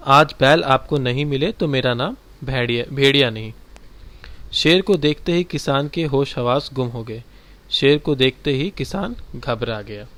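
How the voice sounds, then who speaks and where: A man teaching a primary-school lesson, walking children through textbook exercises and explaining each one slowly and directly. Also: medium pitch, a bit bright.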